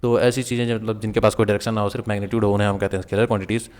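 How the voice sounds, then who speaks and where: A man's voice: lowish voice, little pitch movement, rapid-fire, darkish tone, long reverb tail. A man teaching a physics lesson online, explaining step by step, mixing English into Hindi and often checking that viewers follow. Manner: mixes English terms and sentences into Hindi. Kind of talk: online lecture.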